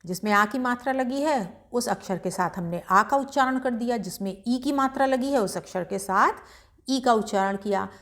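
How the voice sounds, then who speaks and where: A woman teaching beginners to read Hindi, sounding each word out slowly before explaining it briskly. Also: a little high, a bit bright. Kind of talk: slow syllable-by-syllable reading lesson.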